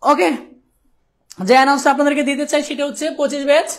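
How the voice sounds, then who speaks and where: A man's voice: very high-pitched, flat delivery, fast. A young man from Bangladesh teaching a live online class, chatty and teasing his students, often checking "okay?". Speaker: ICT teacher.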